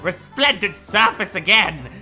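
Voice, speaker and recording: Brief: man playing a pompous old gent, high and sharp, swoops around, over game music. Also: animated, unhurried. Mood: indignant. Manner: florid, indignant speech.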